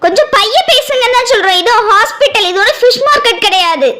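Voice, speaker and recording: A stern cartoon nurse scolds in a sharp, very high voice, played by a voice actor. Steady noise sits behind the voice. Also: fast. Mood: scolding.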